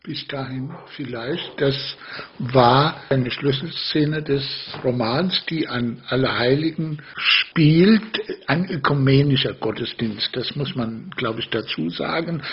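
A man talks through a novel slowly and thoughtfully, with long pauses. His voice is gravelly and very raspy, and the recording is muffled and lo-fi. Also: medium pitch, a little hiss or hum. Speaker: literary moderator interviewing the author. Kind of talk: reflective conversation about a book.

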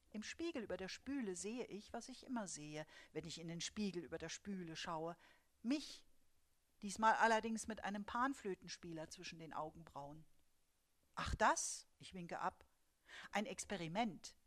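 A woman's voice: mid-range voice, a bit bright. An older woman reading her own short prose aloud in a dry, ironic first-person voice. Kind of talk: literary reading.

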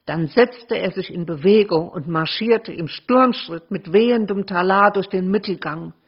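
Woman author reading her own prose, husky and lively, muffled lo-fi sound. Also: lowish voice, measured pace. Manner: dramatic, lively narration with shifts in loudness. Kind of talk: expressive literary reading. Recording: muffled lo-fi recording.

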